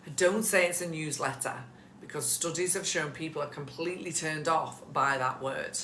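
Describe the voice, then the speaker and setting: A woman coaches business owners in a relaxed live session from her home, chatty and encouraging as she calls out viewers by name. Her voice is sharp and bright. The room gives it a noticeable echo, with a faint hum of background noise underneath. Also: sits low, normal speed. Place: at home with pets nearby.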